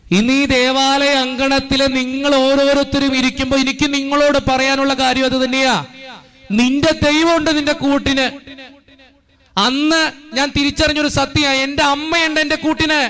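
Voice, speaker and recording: Fervent priest preaching, high voice. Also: male voice, sharp tone. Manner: storytelling, rising to fervent repeated appeals. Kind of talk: sermon. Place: church courtyard.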